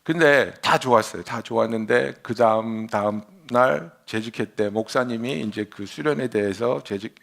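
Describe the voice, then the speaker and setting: A man pastor preaching a sermon, telling stories with hushed whispers and loud bursts. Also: medium pitch, normal speed, creaky, few pauses. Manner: animated storytelling preacher, swings from hushed whispers to loud exclamations. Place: church sanctuary.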